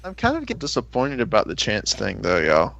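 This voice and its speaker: A man co-hosting a casual podcast cuts in with quick corrections and teasing jabs. His voice is gravelly and swings widely in pitch, on a slightly dull, lo-fi mic. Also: huge pitch swings, a bit bright, a little hiss or hum. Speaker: podcast co-host. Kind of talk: casual chat.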